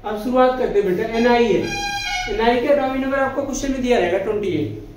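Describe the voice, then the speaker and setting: A man's voice: extremely high pitch, fast, faint music behind. A male chemistry teacher giving a classroom lecture, asking the students questions and answering them himself, affectionately calling them "beta". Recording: echoey classroom.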